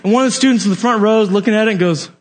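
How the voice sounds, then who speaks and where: A young man preaching a sermon, asking his listeners direct questions and telling animated stories with jokes. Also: high voice, very fast, background noise. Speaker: youth pastor.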